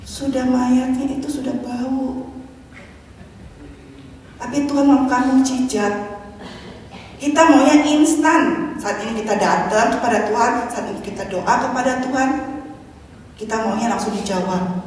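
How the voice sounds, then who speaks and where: A young woman evangelist with an Indonesian accent preaching a sermon, lively, swinging between loud and soft and acting out quoted voices. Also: fairly high pitch, moderate pace, long pauses, a little hiss or hum. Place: large church hall. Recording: echoey hall from far off.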